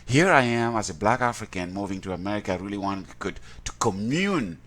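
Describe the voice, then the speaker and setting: Earnest low-voiced man. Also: expressive, brisk, fairly bright tone. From Cameroon. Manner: earnest, with many repeated words and restarts. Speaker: interviewee. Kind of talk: reflective personal account.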